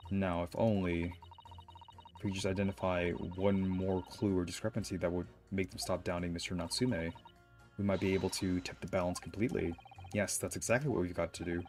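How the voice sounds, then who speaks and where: A man voicing an earnest, determined young defence lawyer with a measured, formal delivery in a video game. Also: low voice, steady tone, darkish tone, faint music behind, close to an everyday voice.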